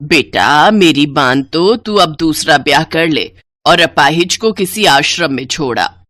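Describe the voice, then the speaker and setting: A woman voicing a harsh, scolding older mother-in-law in a cartoon story, with a low, scornful delivery. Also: animated, measured pace, fairly bright tone, dry recording. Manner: scornful, bossy.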